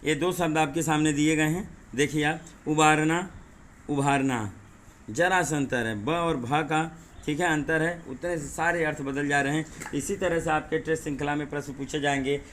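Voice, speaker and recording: A male teacher giving an exam-prep lesson, explaining word pairs slowly and repeating them, often asking rhetorical questions. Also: a little high, fairly even intonation, fairly bright tone, slight background noise. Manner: says 'dekhiye' and 'thik hai' often.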